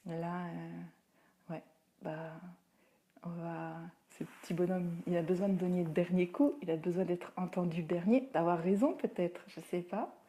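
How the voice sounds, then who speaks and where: A woman's voice: on the low side, steady tone, a little slow, mellow. A woman answering viewers' questions on a Facebook live, giving chatty parenting advice with many fillers and acting out what she says to children. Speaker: parenting coach and teacher. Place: at home.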